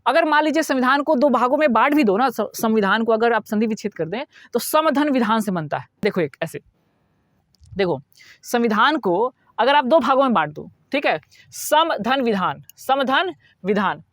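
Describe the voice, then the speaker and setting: A man's voice: extremely high pitch, expressive, moderate pace, fairly bright tone, no echo, clean studio sound. A man teaching a lecture, explaining step by step, repeating key words and asking his students questions. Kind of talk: classroom lecture.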